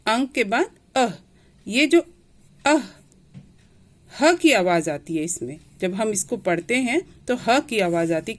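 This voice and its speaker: A woman teaching a Hindi grammar lesson, patiently repeating each point and sounding out letters one by one. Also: mid-range voice. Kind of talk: classroom lesson explaining letters.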